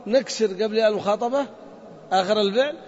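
High-voiced man teaching in an echoey hall. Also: fast talker, darkish tone. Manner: methodical, repeats points and quizzes students. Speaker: grammar teacher. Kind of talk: classroom grammar lesson. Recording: dull lo-fi sound in a reverberant hall.

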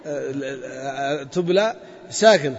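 A man's voice: medium pitch, slow. A man teaching a grammar lesson to a class, methodically repeating points and quizzing his students. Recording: dull lo-fi sound in a reverberant hall.

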